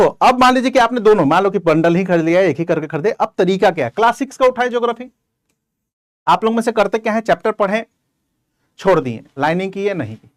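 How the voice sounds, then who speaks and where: A man's voice: high-pitched, no room sound, studio quality. A man teaching as an exam coaching teacher, giving direct, conversational advice to his students in an informal lecture.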